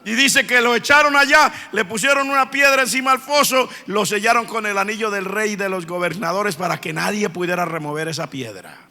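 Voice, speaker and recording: A man preaching a sermon as pastor, swinging from hushed storytelling to fervent shouting. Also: high voice, a little fast, few pauses. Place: church sanctuary. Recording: long church reverb.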